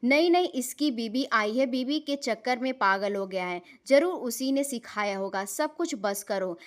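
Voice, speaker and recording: A woman voicing an angry middle-aged mother who shouts and scolds her son in a family story. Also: a little high, expressive, moderate pace, lightly acted. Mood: angry scolding.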